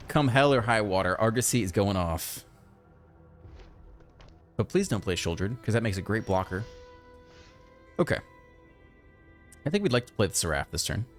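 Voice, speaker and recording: Man, low voice, lively swings, gameplay commentary host, chatty, faint background music. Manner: chatty, thinks aloud, excitable outbursts. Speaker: gaming channel host.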